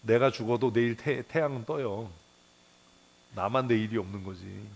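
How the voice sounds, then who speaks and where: A man's voice: fairly even intonation, moderate pace, gravelly. Blunt, salty-tongued preacher man. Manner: blunt and colloquial, mutters curses, chuckles; rhetorical questions, sudden rises in pitch. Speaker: pastor. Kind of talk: sermon, Bible devotional. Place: church.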